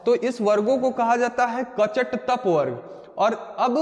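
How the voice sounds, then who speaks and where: High-voiced male tutor in an echoey room. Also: lively intonation, slow. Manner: emphatic, repeats key points, drills students with questions. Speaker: Hindi grammar teacher. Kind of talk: exam coaching lesson.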